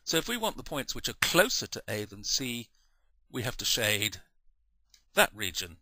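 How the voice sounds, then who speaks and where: Bright, crisp maths teacher. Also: male voice, mid-range voice, big pitch swings, dry recording. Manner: patient, measured, with self-corrections. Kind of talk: explaining a maths lesson over diagrams.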